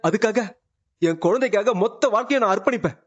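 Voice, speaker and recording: A man's voice: sits high, lively intonation, fast talker. A young husband who won't take his wife back. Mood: pleading. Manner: pleading, breaking into sobs. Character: grown son refusing his estranged wife, anguished. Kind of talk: Tamil serial drama. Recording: dull muffled TV-serial audio.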